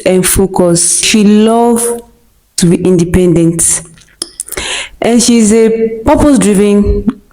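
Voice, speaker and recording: A young Nigerian woman with a Nigerian accent who reads her viewers' questions aloud and answers them slowly and deliberately, with short laughs between answers. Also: medium pitch, mellow, poor audio. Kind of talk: scripted question-and-answer monologue.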